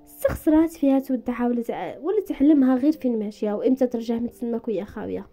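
A woman with a Moroccan Arabic accent narrating a dramatic story and voicing all its characters, rising into higher, more emotional tones for them. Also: mellow.

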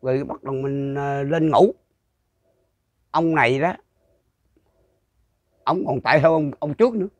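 A man's voice: mid-range voice, unhurried, long pauses, no room sound. Older Southern Vietnamese man telling ghost tales. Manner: rambling, repetitive, with frequent restarts. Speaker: storyteller interviewee. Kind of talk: casual folk storytelling.

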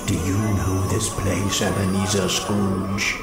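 An actor playing a solemn ghostly spirit in an audio drama, questioning in a deliberate, probing way. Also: male voice, deep voice, little pitch movement, vocal fry, full character voice. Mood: solemn, knowing. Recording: echoey voice over music.

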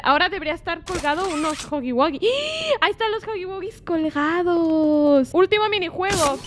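Una mujer con acento mexicano que comenta su partida en directo, reacciona con gritos excitados y traduce lo que dicen los personajes. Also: female voice, extremely high pitch, a little hiss or hum. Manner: excitable, shrieking reactions, translating game lines. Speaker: streamer. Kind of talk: gameplay commentary. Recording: game music behind.

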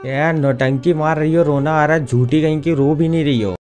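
A man's voice: a little high, fairly even intonation, fairly quick, over music. A young man scolds a friend in a casual gaming vlog chat and keeps saying "bhai" and "yaar". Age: young adult. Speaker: gaming vlogger.

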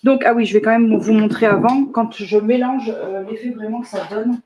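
A woman's voice: on the high side, steady tone, moderate pace, a crowd in the background. Chatty woman from France hosting a casual live demo, laughs often, corrects herself. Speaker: host of a live product demo. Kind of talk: casual live stream chat.

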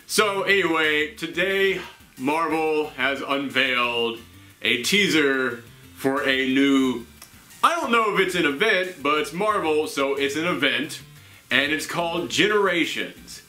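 Male vlog host, thirties, sharp forceful delivery, exasperated and lively, recorded in an echoey room with audible hiss. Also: mid-range voice, unhurried, faint music behind. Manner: animated, sarcastic, exasperated. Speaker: host of a comics show. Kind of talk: energetic vlog commentary to camera. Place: small indoor room with shelves. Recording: roomy, with steady background hiss.

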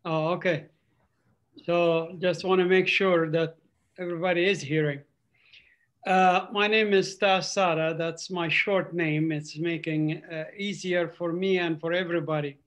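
A man in his sixties from Palestine, raised in the Gulf, giving an earnest, halting testimony over a video call. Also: a little high, steady tone, fairly bright tone. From Palestinian, raised in Saudi Arabia and Qatar. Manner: earnest, halting with frequent uhs. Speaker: ministry speaker.

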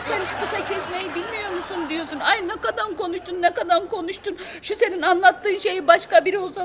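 A woman's voice: very high voice, background noise. An actress playing Abiye, a talkative, theatrical middle-aged wife who mangles her words, in a sitcom. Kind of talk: sitcom acting. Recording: audience laughter behind. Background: studio audience laughing.

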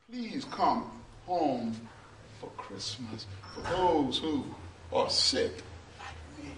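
Middle-aged man, pastor, sermon in a small church, bright voice, slow build to shouting, roomy and distant sound. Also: very high voice, a little hiss or hum. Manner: slow, preachy, rises to shouting and half-singing. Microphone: far camera, no mic seen. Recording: roomy church echo from far off.

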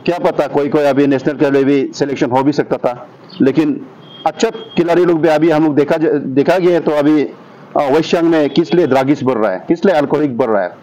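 A man's voice: a little high, dark tone, highs cut off. Earnest young man at a press briefing. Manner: earnest, appealing to the public, lists many groups. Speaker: sports association official. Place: outdoor rooftop terrace. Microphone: table microphones.

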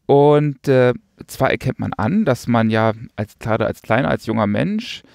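A man with a gravelly, fry-tinged voice chats on a podcast, mocking and sardonic, stringing thoughts together with plenty of "äh" and "ähm". The sound is close and dry, with no room around it. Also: mid-range voice, animated, unhurried, darkish tone, dry recording. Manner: sarcastic, rambling with many fillers. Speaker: podcast co-host. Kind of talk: casual chat.

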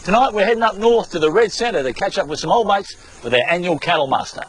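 A man's voice: high voice, fast talker, lightly acted. Man playing a pompous Australian outback bushman. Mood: self-assured. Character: bumbling, self-important male outback bushman adventurer. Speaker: TV adventure show host. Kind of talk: scripted documentary parody narration and presenting. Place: outdoors in the bush, and voice-over. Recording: music under voice, faint outdoor noise.

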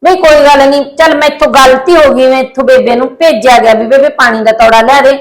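A woman playing a quick-talking high-voiced sister-in-law. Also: steady tone, a crowd in the background, close to an everyday voice, poor audio. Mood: apologetic. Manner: lecturing, then conciliatory. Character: young wife, bossy sister-in-law turned apologetic. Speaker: daughter-in-law of the house. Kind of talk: amateur family short drama.

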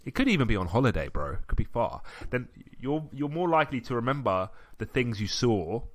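A man's voice: mid-range voice, big pitch swings, a little fast. A young adult man co-hosting a podcast, telling stories in a reflective, casual way with many fillers. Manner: reflective, storytelling with frequent fillers. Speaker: podcast co-host. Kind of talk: casual chat.

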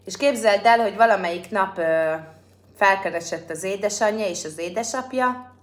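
A woman hosting a livestream, chatting casually and directly with her viewers. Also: medium pitch. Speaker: livestream host.

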